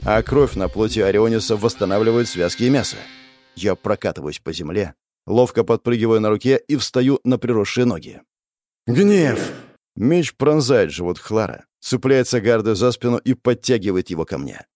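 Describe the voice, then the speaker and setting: A man narrating a fantasy action audiobook in first person, intense and dramatic, breaking into shouted exclamations. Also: fairly low pitch, expressive, normal speed, no room sound, clean studio sound, soft background music.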